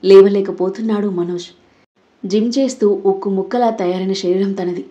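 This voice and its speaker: Mellow-voiced woman narrating a story. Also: medium pitch, fairly even intonation, moderate pace, muffled recording.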